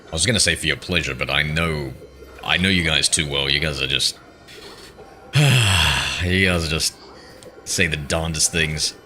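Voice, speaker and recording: A man's voice: extremely low pitch, a little slow, bright, forceful tone, soft background music. A man, a game streamer chatting casually and bantering with his chat as he reads it aloud. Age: 30s.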